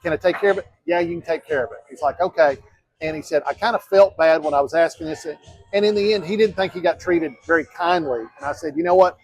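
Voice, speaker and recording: A mayoral candidate in his 50s speaks earnestly in a casual interview, rambling, restarting often, and dropping in quoted asides. His voice is fairly high, husky, and darkish, and he talks fast. The recording has no echo.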